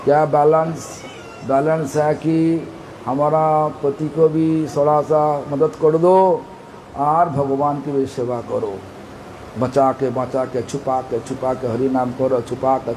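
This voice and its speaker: A man's voice: medium pitch, little pitch movement, slow pace, darkish tone, slight background noise, low-quality recording. A man giving a devotional storytelling sermon as a spiritual teacher. He repeats phrases for emphasis and asks his listeners questions.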